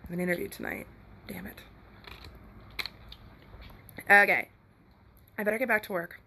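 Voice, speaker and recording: A woman's voice: mid-range voice, fairly even intonation, fast talker, vocal fry, sharp tone, slight background noise. A young woman vlogging at home with her cat, chatting casually in a rambling, giggly way and swearing now and then. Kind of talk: casual chat to the camera.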